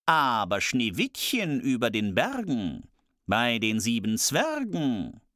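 A storyteller voicing a magic mirror in a slow, drawn-out, solemn manner. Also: medium pitch, wildly swooping pitch, a bit bright, no room sound, clean studio sound, heavily acted.

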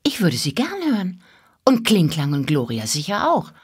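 A woman voicing a curious, excitable little girl who asks eager questions. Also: a little high, moderate pace, slightly rough, dry recording, studio quality, pitched above the performer's own voice.

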